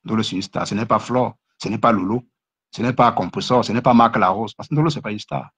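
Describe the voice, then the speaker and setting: A man's voice: fast talker, a bit bright, breathy edge. A man ranting and mocking other creators on a casual live stream, repeating himself and stammering through restarts. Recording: muffled low-fidelity live stream.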